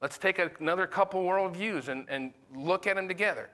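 Bright-voiced pastor quizzing his class. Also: sits high, fairly quick. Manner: questions the class often; conversational, with fillers. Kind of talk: Sunday school teaching.

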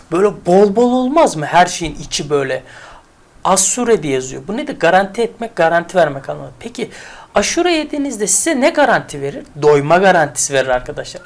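A woman's voice: fairly low pitch, gravelly. A woman teaching English vocabulary in a casual, chatty way, repeating words and building memory tricks. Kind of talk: casual spoken lesson.

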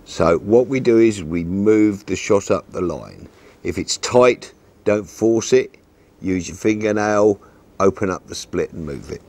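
A man in his sixties calmly explaining a fishing setup step by step, seated outdoors at a garden table and talking into a lapel mic. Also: fairly low pitch, measured pace. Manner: calm, methodical, practical explanations. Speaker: fishing instructor. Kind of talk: step-by-step tutorial.

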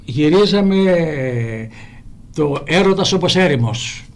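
A man's voice: a little high, expressive. An older man, an actor, telling rambling stories on the radio with many restarts. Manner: rambling, frequent restarts and repeated "he tells me". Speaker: actor guest. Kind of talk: anecdotal storytelling on radio. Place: radio studio.

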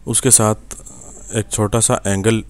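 A young Pakistani man with an Urdu accent gives a patient, step-by-step screen-recorded software lesson at his computer, often checking in with the viewer. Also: on the low side, little pitch movement. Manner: patient, step-by-step, many fillers and "ٹھیک ہے" checks. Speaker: software instructor.

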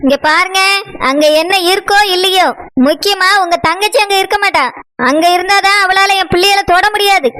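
A woman's voice: extremely high pitch, a little fast, pushed and bright, poor audio. A woman voicing a domineering middle-aged village mother in a cartoon, scolding and insistent, with a Tirunelveli Tamil accent. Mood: stern, bossy. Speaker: mother of Anu. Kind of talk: cartoon voice acting.

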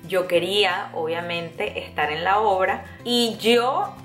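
A young woman from Venezuela with a Venezuelan accent, telling a casual story to camera in a chatty, animated way with many fillers and restarts. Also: medium pitch, takes it slowly. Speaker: vlogger. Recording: echoey room, faint music behind.

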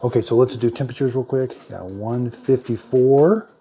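A man's voice: medium pitch, normal speed, warm tone, slightly rough. A middle-aged man giving a casual hands-on product demo in his home kitchen, thinking aloud in a plain-spoken way as he works. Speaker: product reviewer.

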